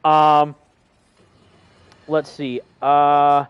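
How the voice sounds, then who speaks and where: A man's voice: fairly high pitch, monotone, extremely slow, clean tone, no echo, muffled recording. A young man hosting a gaming livestream, chatting casually and reading viewer comments in an enthusiastic, rambling way full of fillers. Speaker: livestream host.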